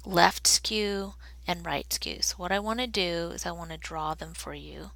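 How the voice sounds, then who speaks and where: Slow, gravelly woman teaching statistics. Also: lowish voice, fairly bright tone, dry recording, rough recording. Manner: slow, deliberate explaining while drawing on a graph. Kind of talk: recorded statistics lecture.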